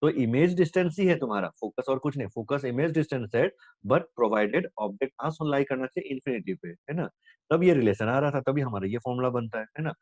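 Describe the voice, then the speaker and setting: A man's voice: medium pitch, lively intonation, fairly quick, darkish tone, no echo. A man teaching physics in Hindi mixed with English terms, asking questions and answering them himself and tagging lines with "है ना". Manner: repeats "है ना" constantly, asks and answers own questions. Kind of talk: explaining problems on a board. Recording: dull lo-fi dry recording.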